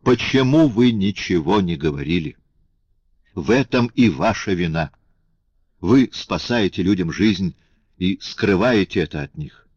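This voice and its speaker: A man's voice: low voice, animated, a little slow, a little mellow, slightly rough, no room sound, exaggerated voice. A man reading an audiobook, voicing a passionate, grateful young man in a raised, exclaiming voice. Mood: indignant. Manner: impassioned, exclaiming, pleading. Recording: dull lo-fi audiobook recording.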